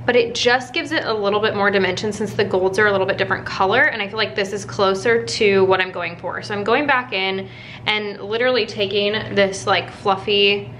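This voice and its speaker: A woman's voice: mid-range voice, fairly quick, fairly bright tone, slight background noise. A woman chatting casually to camera as a home makeover vlogger, explaining her DIY steps in an informal way.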